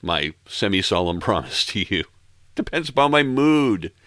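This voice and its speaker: A middle-aged man hosting a music podcast, casually back-announcing tracks in a relaxed, wry, self-deprecating way. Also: fairly low pitch, moderate pace, no echo, clean studio sound. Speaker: podcast host.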